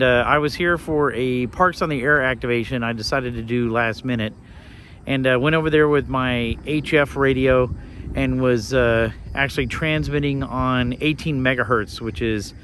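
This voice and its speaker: A man from Colorado chats informally to his viewers as a ham radio hobbyist. His voice sits at a medium pitch and he rambles in a casual way. He is outdoors, with faint outdoor and vehicle noise behind him. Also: fairly bright tone. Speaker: amateur radio operator, video host. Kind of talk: casual outdoor vlog talk. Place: outdoors in a state park.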